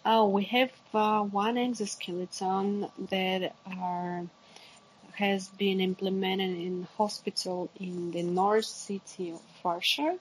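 A woman giving interview answers about technical work, haltingly searching for words in English. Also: medium pitch, flat delivery, a little hiss or hum, rough recording. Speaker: interviewee, exoskeleton company representative.

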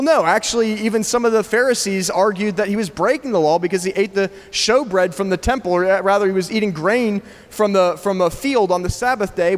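A man preaching a sermon at a church gathering, talking conversationally and asking the congregation questions. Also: sits high. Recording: long reverb of a large room.

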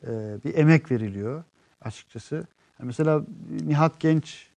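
Hosting a casual live stream, a man with a fairly high, gravelly voice and a dark, mellow tone reads out viewer comments and explains things at length. He's earnest and unhurried, often drifting off with long fillers, and the sound is close and dry with no room sound.

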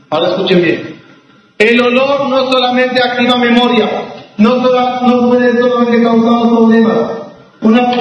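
A man teaching a religious law lesson as a rabbi, deliberate, with restarts and rhetorical questions. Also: very high-pitched. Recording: echoey hall, distant mic, dull sound.

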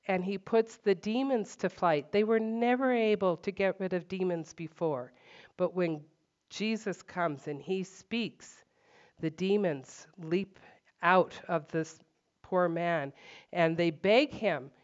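A woman's voice: on the low side, takes it slowly. A woman giving an informal Bible teaching at home, talking conversationally with lots of fillers and firm emphasis. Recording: dull lo-fi recording.

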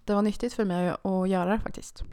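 A young woman chats casually on a podcast and tells a story, slipping into little performances of what everyone said. Her voice is smooth and clear, and the sound is dry and close. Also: medium pitch, no echo. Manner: animated, acts out quoted dialogue with "jag bara". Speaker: podcast co-host.

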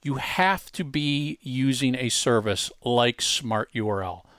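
Recorded at studio quality with no room sound, a man with a mid-range, slightly bright voice hosts a podcast. His demo-style delivery is conversational and emphatic, broken up by frequent restarts of his words.

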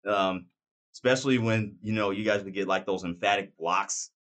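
A man's voice: lowish voice, normal speed, a bit bright. A man interviewing a former player, rambling and enthusiastic, with many restarts. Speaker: interviewer and radio commentator. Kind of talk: casual interview.

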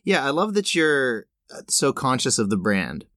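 A man hosting a podcast, reading a polished intro and then chatting with his guest in a friendly, measured way. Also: mid-range voice, very animated, fairly bright tone, dry recording, clean studio sound. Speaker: podcast host. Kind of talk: scripted intro, then interview chat.

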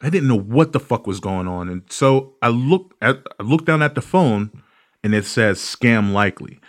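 A man hosting a podcast, telling stories in a profane, ranting, animated way. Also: medium pitch, moderate pace. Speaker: podcast host. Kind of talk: casual comedic podcast monologue.

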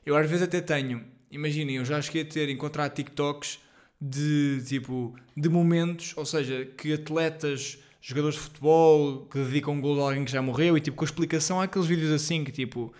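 A young man from Portugal with a European Portuguese accent hosting his own podcast from home, rambling and excitable with lots of slang and fillers. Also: on the high side, fairly quick. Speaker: podcast host. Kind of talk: casual solo podcast monologue.

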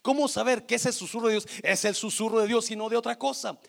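A man preaching a sermon as pastor, swinging from hushed near-whispers to loud, emphatic passages. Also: high-pitched, steady tone, fast talker, vocal fry. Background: instrumental music.

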